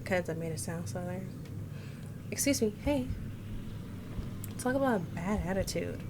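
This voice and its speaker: Her voice fairly low and animated at a normal pace, a woman streaming a game reads the visual novel's narration and character lines aloud with expression. Game music and other background noise sit behind her.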